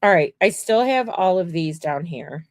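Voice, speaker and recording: A woman's voice: lowish voice, lively intonation, normal speed, no room sound, clean studio sound. A woman mosaic artist hosting a livestream, chatting casually and rambling to viewers while she works. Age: adult. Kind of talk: casual chat while crafting.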